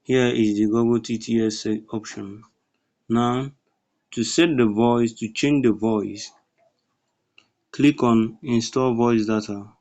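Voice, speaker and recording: A man presenting a step-by-step screen tutorial in halting, instructional phrases. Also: mid-range voice, fairly even intonation, a little mellow. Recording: dull lo-fi recording.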